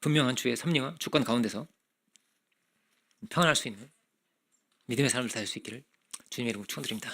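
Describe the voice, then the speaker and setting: In a husky, creaky voice of medium pitch, a male pastor delivers a sermon conversationally, at a quick pace yet pausing often. He poses many rhetorical questions and slips into animated impressions of children's voices.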